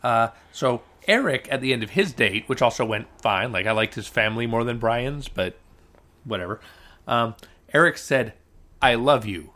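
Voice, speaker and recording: A man's voice: mid-range voice, lively intonation, moderate pace, pushed and bright. A man co-hosting a podcast in casual chat, rambling and digressive with a wry, dry humor. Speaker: podcast co-host. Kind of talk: casual chat recapping a dating show.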